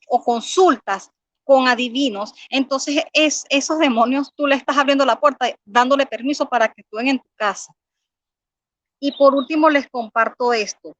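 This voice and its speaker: A woman gives an earnest testimony of her personal faith, reading scripture aloud and repeating words often as she pleads with her listeners. Her voice is high and a bit bright, in a dry recording with the highs cut off.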